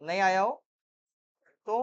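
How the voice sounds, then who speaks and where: A woman teacher leads a classroom reasoning lesson, quizzing her students with repeated questions. Her voice is medium in pitch, slow, clear and resonant. The recording is a muffled, lo-fi capture of the classroom.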